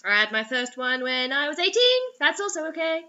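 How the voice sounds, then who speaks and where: A young adult woman reads a story aloud dramatically in a high, sing-song, sharp voice at a slightly fast pace, adding sarcastic, mocking commentary. Her manner is theatrical, and the dull lo-fi webcam-style sound comes from a small indoor room.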